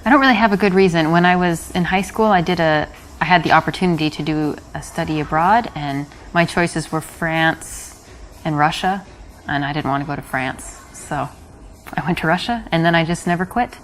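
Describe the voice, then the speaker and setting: A woman's voice: deep voice, moderate pace, low-quality recording. A young woman, giving brief, polite, reserved answers in a casual chat. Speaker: woman approached in a café.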